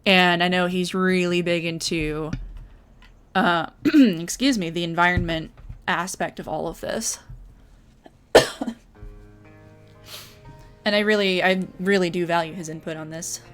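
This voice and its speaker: A woman's voice: lowish voice, a bit bright, clean tone. A young woman hosting a casual livestream while playing a game, chatty and upbeat, with lots of fillers and affirmations. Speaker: livestream host.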